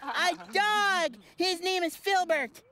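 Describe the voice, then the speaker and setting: A man voicing a curious, excitable young boy in a children's puppet show, eager and giggly. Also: extremely high pitch, slow, heavy background noise. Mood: excited.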